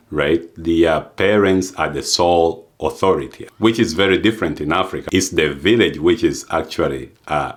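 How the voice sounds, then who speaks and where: A young man from Uganda with an extremely deep voice talks through his own story. He speaks unhurriedly and thoughtfully, often pausing on fillers and restarting phrases. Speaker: adoptee sharing experience. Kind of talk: reflective testimony.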